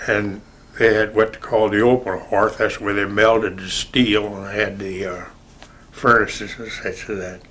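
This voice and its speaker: Bright-voiced older American man, slow and reminiscing. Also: lowish voice, flat delivery. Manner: rambling, halting storytelling with pauses to recall. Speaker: oral history interviewee. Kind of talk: casual spoken reminiscence.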